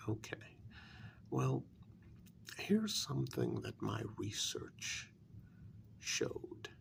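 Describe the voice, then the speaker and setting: In a soft-spoken ASMR role-play, a man plays a brooding, bitter kidnapper confronting a captive demon, using an exaggerated, mid-range voice. His delivery is gravelly and breathy, drifting into a whisper, slow and deliberate with long pauses and quiet menace.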